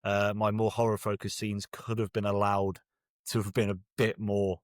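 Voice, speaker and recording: A British man from Birmingham, England, chats casually in an interview as a guest author, his lowish voice flat and his pace normal. He's wry and often hesitates or corrects himself mid-thought. The recording is dry and studio-clean.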